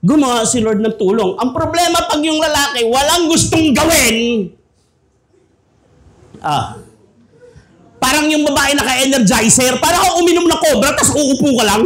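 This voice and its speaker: A man's voice: extremely high pitch, animated, moderate pace, long pauses, a bit bright. A man from the Philippines preaching a humorous sermon as pastor, joking and conversational, laughing often.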